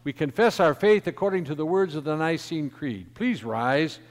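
A man preaching a sermon, his emphatic delivery swelling louder and then dropping soft. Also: fairly high pitch, normal speed. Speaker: pastor. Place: church sanctuary. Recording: long church reverb.

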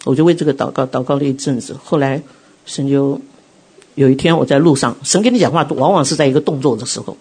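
A middle-aged woman preaching a sermon, telling her own testimony in an animated way and acting out quotes. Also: very deep voice, fast, husky. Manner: animated storytelling, acts out quotes.

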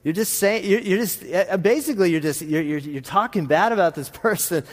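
This preacher's voice sits high and his delivery is brisk, carried by a rural Texas drawl. He offers a conversational sermon with anecdotes, rambling and self-deprecating in a folksy way, to a congregation in a large reverberant room whose echo fills the recording.

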